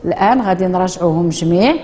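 A Moroccan woman teaches a reading lesson, stretching each word out slowly and clearly so young pupils can copy it. Her voice rings in a classroom with a long reverb. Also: lowish voice, mellow. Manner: slow, drawn-out modeling of words for children. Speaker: primary school teacher.

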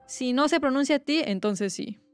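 A woman's voice: high-pitched, lively intonation, normal speed, clean tone, no echo, faint music behind. A young woman, streaming a game and chatting casually, reading viewers' messages aloud in a playful, teasing way. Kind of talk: casual livestream chat while gaming.

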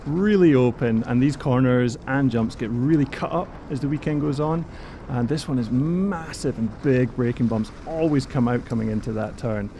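A man with a gravelly edge to his voice talks over a downhill preview run. His tone sits on the warm, darker side. He keeps the commentary upbeat and chatty. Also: mid-range voice, slight background noise. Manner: upbeat, chatty, laughs between remarks. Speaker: mountain bike race presenter.

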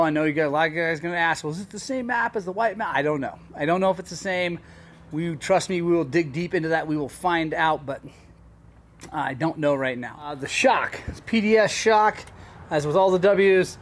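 A man hosting his own channel, giving a casual, hesitant walkaround of a new dirt bike. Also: fairly high pitch. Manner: casual, hesitant, lots of fillers. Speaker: mechanic and channel host.

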